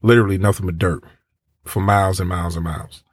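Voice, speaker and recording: A man hosting a podcast, talking casually in a measured, explanatory and mildly exasperated way. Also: deep voice, fairly even intonation, husky, dry recording, clean studio sound. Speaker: podcast host.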